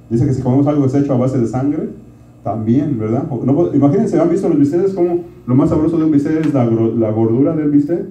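A man's voice: medium pitch, dark tone. A middle-aged man preaching a conversational sermon. He keeps asking the congregation "right?" and calls them "brothers". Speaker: pastor. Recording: distant, roomy, dull lo-fi sound.

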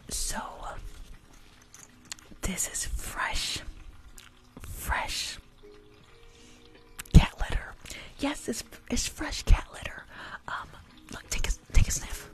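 Very slow and pausing often, with faint music in the background, the twenty-something ASMR performer whispers her way through playing a rude spa worker. She stays close to the desktop condenser mic in her small home room, teasing bluntly and circling back to the same phrases.

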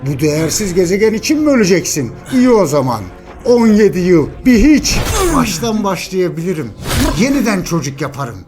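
A man voicing a ruthless, domineering alien superhero father in an amateur animated dub, menacing, emphatic and scolding. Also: high-pitched, brisk. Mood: contemptuous. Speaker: amateur fan dubber. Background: loud dramatic music.

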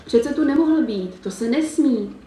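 A woman's voice: high-pitched, lively intonation, far from the mic, background noise, pitched above the performer's own voice. A woman voicing a stern, worried fairy mother who scolds sharply.

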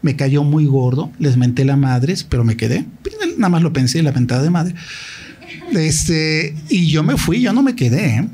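A man's voice: a little high, lively intonation, moderate pace, darkish tone, breathy edge. A middle-aged man with a Mexican accent speaking at a university talk, telling his own story candidly and directly and acting out past conversations. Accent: Mexican Spanish. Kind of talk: personal storytelling in a public talk.

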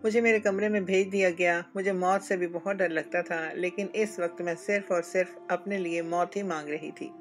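A woman's voice: on the low side, steady tone, moderate pace, few pauses. A woman narrating a first-person story in a scripted, emotional and dramatic way. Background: faint music.

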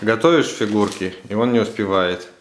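A father with a lowish voice speaks at normal speed while helping his kids with a craft in the living room. He chats casually, tells them what to do, and nudges them with questions, captured in a roomy home recording.

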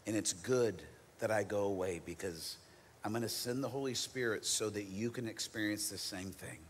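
A man preaching a sermon, swinging from loud emphatic lines to hushed, near-whispered ones, with casual asides while paraphrasing scripture. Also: fairly low pitch, normal speed, a little hiss or hum. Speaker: teaching pastor. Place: church auditorium. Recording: long reverb of a large church hall.

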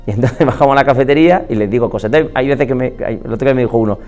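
A man from Spain, a doctor, giving an expressive motivational talk and often quoting people in changed voices. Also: mid-range voice, racing, faint music behind. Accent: Spain Spanish. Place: indoors, filmed talk.

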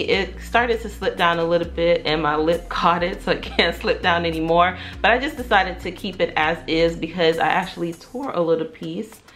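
Woman, wearing a sheet face mask, casual vlog chat, lowish voice, faint music. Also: a bit bright. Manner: chatty, addresses viewers as y'all. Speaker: beauty vlogger. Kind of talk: casual skincare review to camera.

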